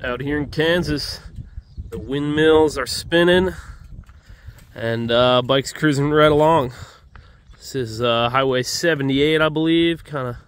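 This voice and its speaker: Speaking smoothly at a measured pace in a mid-range voice, a motorcycle vlogger in his thirties narrates his journey outdoors along roads and a riverbank. He films at arm's length or from a helmet, and, a bit stuffed up from allergies, rambles easily with plenty of "uh"s and complimentary asides.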